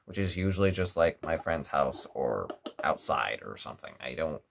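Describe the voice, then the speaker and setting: A tired young man chatting casually to camera in a rambling, low-key way at home. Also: big pitch swings, normal speed, gravelly, noisy background. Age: young adult. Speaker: gas mask reviewer. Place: small living room at home, indoors.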